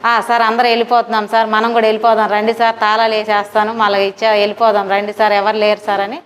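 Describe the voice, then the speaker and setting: A woman's voice: mid-range voice, monotone, fast, a little hiss or hum. A woman giving an earnest, pleading first-person account to an interviewer. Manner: earnest, pleading, addresses interviewer as sir constantly. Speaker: complainant interviewed on camera.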